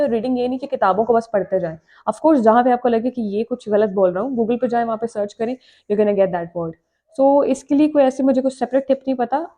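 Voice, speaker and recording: A woman's voice: on the high side, dark tone. A woman English teacher answering viewer questions in a casual vlog lesson, explaining step by step with simple examples.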